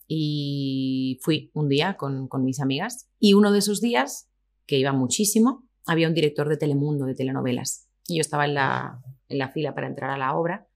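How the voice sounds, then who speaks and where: A woman from Spain with a Spanish accent, a podcast guest telling animated stories in a casual interview. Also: sits low, fairly quick, vocal fry. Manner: animated, lively anecdotes with quoted voices and laughter.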